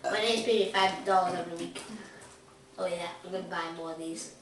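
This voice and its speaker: A woman's voice: on the low side, fairly even intonation, fairly quick. A woman chatting casually with slangy, mildly profane banter, recorded from a distance in a very echoey, noisy room. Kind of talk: casual banter during a burping contest.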